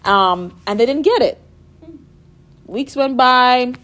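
A woman's voice: sits high, lively intonation, takes it slowly, a bit bright. A young woman from the Bahamas, a guest chatting casually in an interview, bubbly with frequent laughs and fillers. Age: young adult. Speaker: guest, music therapy student.

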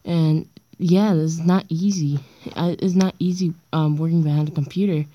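A woman's voice: sits low, fairly even intonation, moderate pace, dry recording, muffled recording. A young girl around sixth-grade age, with a stuffy nose, rambling hesitantly and self-deprecatingly in a casual solo podcast, recorded on a dictaphone. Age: child or young teen, around sixth grade. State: stuffy nose from being sick. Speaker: amateur podcaster. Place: indoors on a bedroom floor, late at night. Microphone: handheld voice recorder.

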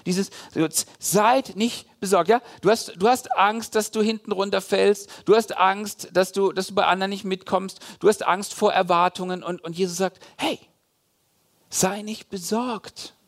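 A man's voice: high voice, moderate pace, gravelly, few pauses. A man preaching a sermon to his congregation, talking straight to the listeners with many fillers and asides. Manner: animated, addresses listeners directly with frequent fillers. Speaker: pastor.

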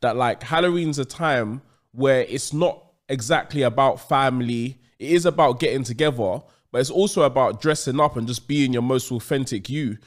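A man's voice: medium pitch, moderate pace, hardly any pauses. A man with an urban London accent in casual chat, laid-back and slangy.

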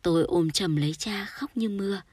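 A woman reading a sorrowful short story aloud in a soft, storytelling manner. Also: medium pitch, normal speed, husky, no room sound. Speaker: audiobook narrator. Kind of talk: scripted literary narration.

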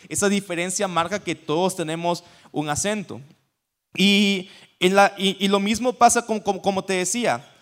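High-voiced man preaching conversationally. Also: fairly bright tone. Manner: conversational, asks the audience questions. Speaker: pastor. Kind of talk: sermon teaching.

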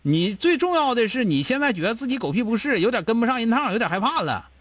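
Blunt high-voiced Northeastern Chinese man. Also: very animated, fairly bright tone, slightly rough, dry recording. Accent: Northeastern Mandarin. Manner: blunt, scolding, rapid-fire rhetorical questions. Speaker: advice show host. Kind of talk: call-in advice chat.

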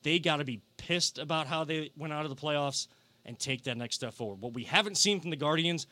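A young man hosting a casual sports podcast, energetic and given to repeating himself. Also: on the high side, a little fast. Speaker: podcast host.

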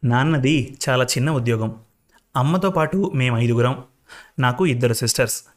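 A man's voice: mid-range voice, moderate pace, lightly acted. A man voicing an anxious young woman waiting for a job interview, speaking nervously and pleadingly.

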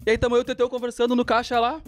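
A man, co-hosting a podcast and telling a story in rapid slangy casual chat, acting out what people said. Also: extremely high pitch, completely flat delivery. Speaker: podcast co-host.

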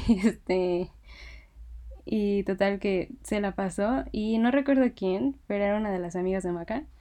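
A young woman with a Mexican Spanish accent casually telling a story, excited, laughing often and using many fillers. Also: medium pitch, measured pace.

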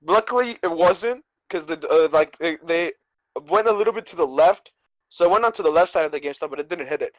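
High-pitched young bro guy, dry sound. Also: expressive, fast talker, no room sound, rough recording. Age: young adult. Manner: slangy frat-bro talk, peppered with bro and dude. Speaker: podcast co-host. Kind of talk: casual chat, telling a personal story.

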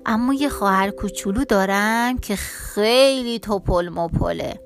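A woman voicing a clever, cheeky male mouse in a children's storybook, calling out quickly in a playful voice. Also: mid-range voice, faint music behind, voice pushed down, natural voice. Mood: sly. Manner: quick, shouting, playful tricks.

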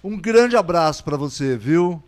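A man co-host with a high, animated voice, firing off eager questions. His chat is lively and quick to react. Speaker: podcast co-host. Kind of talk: casual chat.

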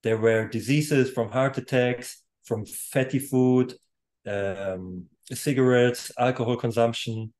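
A man's voice: medium pitch, fairly even intonation, slow, a little mellow. A man in his thirties, born in Poland and raised in Germany, speaking English as a second language with German as his first, chatting as an interview guest who laughs easily and restarts his sentences. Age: 30s. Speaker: guest, music producer. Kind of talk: casual interview.

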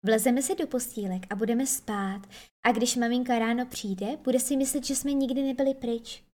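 A woman's voice: fairly high pitch, fairly even intonation, a little mellow, natural voice. A woman voicing a sensible, motherly girl who speaks earnestly and firmly. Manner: earnest, firm.

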